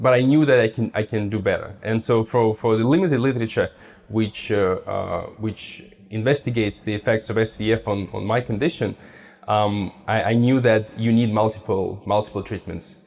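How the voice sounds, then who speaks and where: A young man from Russia, answering interview questions about his treatment casually and haltingly, often restarting as he searches for words. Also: lowish voice, vocal fry, darkish tone. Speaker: patient interviewee.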